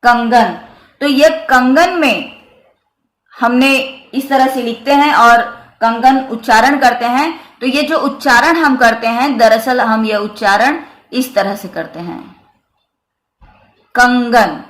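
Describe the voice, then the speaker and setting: A Hindi teacher gives a grammar lesson on the Hindi script, explaining the written letters very slowly and carefully repeating each example. Her voice is a little high and a bit bright, and the room echoes.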